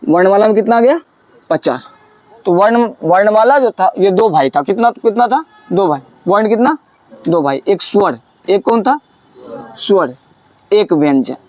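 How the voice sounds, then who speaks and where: A high-voiced male teacher. He quizzes the class and answers himself, repeating key terms. The recording is close and dry. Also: a little mellow, no room sound. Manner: asks questions and answers them himself, repeats key words. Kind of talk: classroom lesson.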